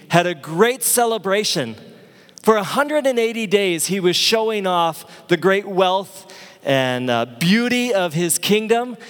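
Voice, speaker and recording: A man's voice: a little high, big-room sound. A man preaching a sermon as pastor, telling the story in a conversational way with asides to the congregation.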